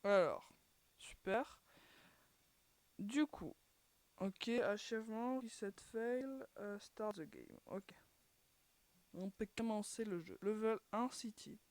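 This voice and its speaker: Female gaming host with a dry, close sound and middling pitch, talking casually and hesitantly while she plays. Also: slow, long pauses, a little mellow, dry recording. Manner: chatty, filler-heavy, keeps sighing "too bad" at failed attempts. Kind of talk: casual gameplay commentary.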